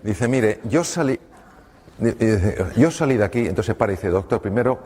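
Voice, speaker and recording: Middle-aged guy, a doctor telling a story on stage, lowish voice, acts out both sides w pauses, echoey hall + faint hum. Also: breathy edge. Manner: lively anecdotes, acts out dialogue with pauses. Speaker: doctor giving a talk. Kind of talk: storytelling talk to an audience. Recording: hall reverb with faint room noise.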